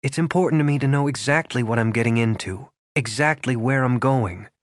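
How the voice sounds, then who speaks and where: A man voicing an anxious young woman who is orderly yet flustered, speaking fast and rising in pitch. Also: no echo, close to an everyday voice. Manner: quick, rising, flustered delivery. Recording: dry close studio sound.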